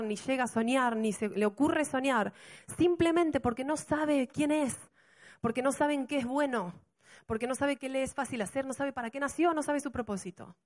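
Animated woman pastor preaching. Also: high voice. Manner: animated preaching with rhetorical questions. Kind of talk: sermon.

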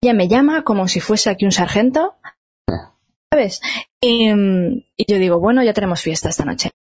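Lively woman telling stories. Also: medium pitch, normal speed, husky. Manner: lively, laughing, acts out quoted voices. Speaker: radio show co-host. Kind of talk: casual storytelling on a radio talk show.

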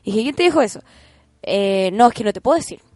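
A young woman with a Chilean accent hosts a podcast, chatting casually about a family story, laughing often and acting out the quotes. Her mid-range voice is fast, lively in intonation and a little mellow, with no room sound.

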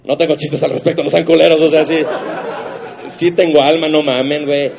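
A man's voice: on the high side, flat delivery, a little fast, creaky, background noise. A man with a Mexican Spanish accent hosting a comedy show, riffing crudely on the week's news and swearing constantly. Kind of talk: stand-up news monologue.

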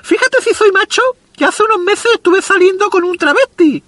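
A man playing a foul-mouthed, self-proclaimed macho with a squeaky, effeminate, boyish voice, rambling through a comic monologue. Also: normal speed, bright, forceful tone, dry recording. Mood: rambling, boastful. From Andalusia, Spain. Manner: crude, rambling anecdotal delivery.

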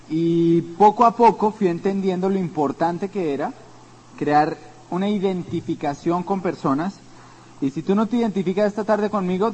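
A high-pitched Colombian man speaking at a business seminar, earnest and personal, often turning to the audience with little tag questions. The recording sounds dull and lo-fi, muffled at the top end. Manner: earnest storytelling, addresses listeners directly with tag questions. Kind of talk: motivational seminar talk.

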